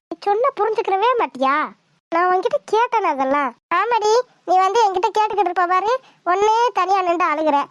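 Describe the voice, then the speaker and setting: A woman's voice: very high voice, a bit bright, dry recording, studio quality. A woman voicing a fussing, bossy old village grandmother who scolds and wails in a cartoon. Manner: scolding, nagging, dramatic wailing.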